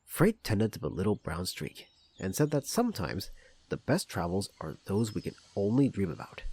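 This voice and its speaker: A man's voice: deep voice, wildly swooping pitch, normal speed, a little mellow, slightly rough. A man narrating a parody of a children's train story in storybook style, with music behind him.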